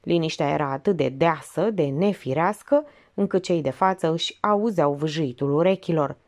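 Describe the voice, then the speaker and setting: A woman narrating an audiobook in an expressive, lively reading. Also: low-pitched.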